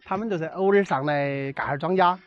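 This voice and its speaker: A man's voice: fairly high pitch, fast, dry recording, highs cut off. A male vlogger chatting casually in Sichuan dialect, asking simple, curious questions as an interviewer. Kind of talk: casual chat.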